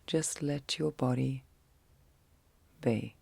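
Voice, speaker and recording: A woman with a bass voice leads an ASMR guided sleep meditation, speaking softly and breathily, frequently whispering. Her gentle, soothing phrases are short and spaced by long pauses. The recording is dry.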